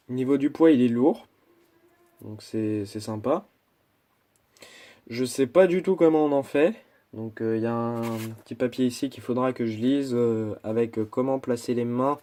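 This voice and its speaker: A man talks his way through an unboxing in a relaxed, rambling way. He keeps stopping, restarting and adding little asides. His voice has a soft, mellow tone. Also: medium pitch. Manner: chatty, hesitant, full of restarts and asides. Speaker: YouTuber. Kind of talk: casual unboxing chat.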